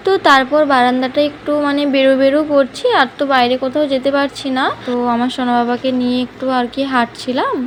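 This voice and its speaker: A woman's voice: high voice, level tone, fast, slight background noise, rough recording. A young woman narrating a casual home vlog, chatty, with many filler phrases. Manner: hushed, soft talk so as not to wake the baby. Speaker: vlogger.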